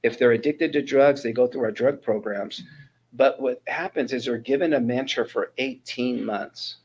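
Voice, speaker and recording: Here a ministry mentor coordinator in his sixties, from Northern California in the USA, recounts his life story in relaxed interview talk. His mid-range voice, at normal speed, sounds a little mellow and husky through lo-fi audio, and he earnestly restarts sentences as he goes.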